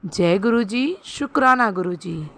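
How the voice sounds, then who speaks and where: A woman's voice: mid-range voice, animated, unhurried, a bit bright. A woman host reading a formal scripted announcement for a devotional channel.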